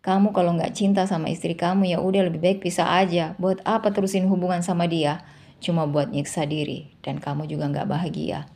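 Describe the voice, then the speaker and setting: A woman voicing a demanding, sulky young mistress in a storybook reading, with a husky voice. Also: on the low side, level tone, a little fast, darkish tone, close to an everyday voice.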